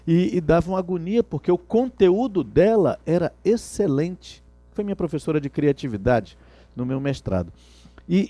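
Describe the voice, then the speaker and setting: Brief: middle-aged instructor, warm mellow tone, dry close sound, animated questions to the class. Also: male voice, on the high side, no room sound. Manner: didactic, asks rhetorical questions. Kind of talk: lecture on customer service.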